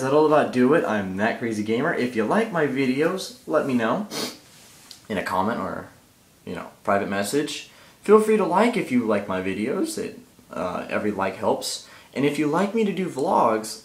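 Holding an iPod camera out at arm's length in a small tiled bathroom, a teenage gaming vlogger with a fairly low voice chats in a loose, joking way. He's easily sidetracked and keeps losing track of what he was saying, while the room echoes harshly.

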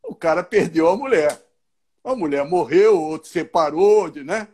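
Animated storytelling Rio man. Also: on the high side, moderate pace, husky. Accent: Rio de Janeiro Portuguese. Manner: animated, acts out dialogue with voices. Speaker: interview guest. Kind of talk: casual storytelling. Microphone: video call.

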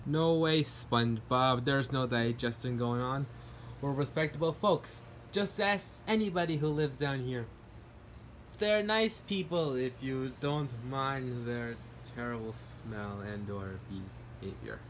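A man voicing an easygoing male frog puppet with a folksy, hesitant, unhurried manner in an amateur parody. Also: mid-range voice, a bit bright, close to an everyday voice. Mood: reassuring. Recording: noisy homemade recording.

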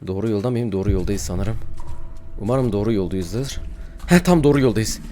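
A man's voice: lowish voice, lively intonation, moderate pace, mellow, soft background music. A young man playing a horror game and commenting as he goes, acting brave, then yelping and shrieking in fright and muttering prayers. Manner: jumpy, mock-brave, yelps and screams in fright, mutters prayers when scared. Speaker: gaming YouTuber.

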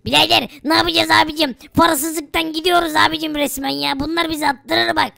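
A woman's voice: high voice, fairly even intonation, brisk, gravelly, bright, forceful tone, no room sound, studio quality, exaggerated voice. A woman voicing a poor, easygoing male friend who talks in casual brotherly slang in a game role-play.

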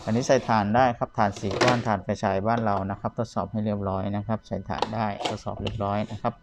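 A man with a fairly low voice talks casually through a product demonstration as a seller. There is clear noise and clicking behind him. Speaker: seller demonstrating vintage audio gear. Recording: clear background noise, clicking buttons, radio bleed. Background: radio or tape of the demonstrated player.

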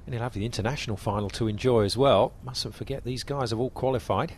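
A man's voice: medium pitch, fast talker, slight background noise. A man commentating on a golf tournament, summing up the state of play.

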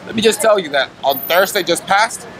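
A man in his thirties speaks with earnest insistence about his cause, his voice set a little high for a man. He is recorded outdoors on a city street, with clear traffic noise running under every word. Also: animated, normal speed, fairly bright tone, a faint crowd. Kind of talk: street interview. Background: traffic and city ambience.

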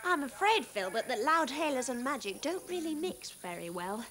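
A woman acting in a children's television show, talking in a gentle, patient and motherly way. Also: high voice, sing-song, moderate pace, a little hiss or hum.

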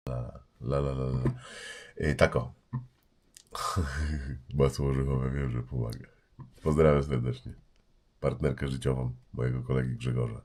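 Stream host, man, very low husky voice, blocked nose, laid-back joking chat from a home desk mic. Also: darkish tone. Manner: loose, joking, greets chat by name. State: stuffy nose from a cold. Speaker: livestream host. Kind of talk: casual livestream chat.

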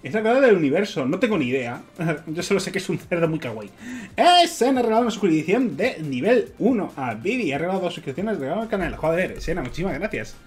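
A male Minecraft streamer from Spain talks fast with lively pitch during casual gameplay commentary. He's excitable, swears often and laughs a lot, while music plays faintly in the background.

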